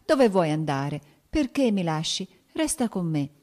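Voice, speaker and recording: A woman's voice: on the low side, very animated, unhurried, darkish tone. A woman voicing an anxious, pleading pregnant noblewoman in an audiobook reading.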